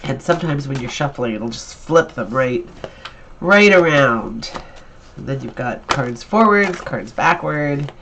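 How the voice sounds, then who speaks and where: A woman's voice: very deep voice, animated, a little slow, vocal fry, fairly bright tone, slight background noise, poor audio. A woman with a stuffy, nasal voice from allergies, giving an upbeat and encouraging tarot reading in a casual, chatty way. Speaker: tarot reader.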